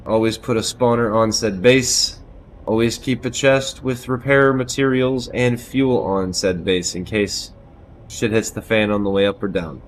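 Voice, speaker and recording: This game streamer, a man in his thirties, chats on a live stream from a small room in his home through a headset mic. He's loud and loose, pokes fun at himself and swears a lot, his voice sitting on the low side with a little hiss or hum in the recording.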